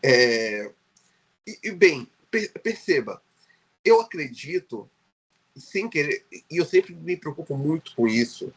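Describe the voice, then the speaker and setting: This podcast guest, a Brazilian researcher, talks in Portuguese with a Brazilian accent, his voice a little high and breathy at the edges. He's very animated yet slow. He hesitates a lot, restarting and using fillers frequently.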